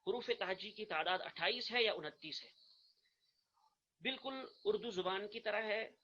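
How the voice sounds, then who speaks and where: Earnest man teaching online, bright voice. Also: sits high, lo-fi sound, slight background noise. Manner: earnest, explains step by step, repeats points, recites letters slowly and loudly. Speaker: Arabic grammar teacher. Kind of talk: online lecture.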